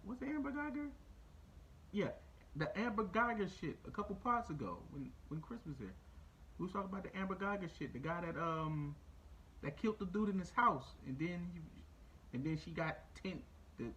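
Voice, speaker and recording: A man hosting a podcast, ranting casually and profanely, repeating his points and jumping high in pitch when incredulous. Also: a bit bright, a little hiss or hum, poor audio. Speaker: podcast host. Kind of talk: casual opinion rant.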